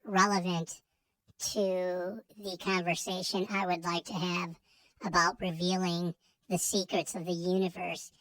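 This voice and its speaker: A secret informant with a squeaky disguised voice. She talks slowly, formal and grave, like every word is classified. The sound is close and dry. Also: level tone, a bit bright, no echo, poor audio. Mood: earnest. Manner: solemn, formal, conspiratorial. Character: secretive whistleblower with a disguised, helium-like voice. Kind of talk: comedy sketch.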